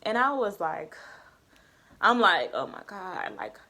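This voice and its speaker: A young woman tells a story to camera in relaxed, slangy chat. She is animated and acts out the people she quotes, her voice swinging between high and low. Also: slow, creaky. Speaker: vlogger.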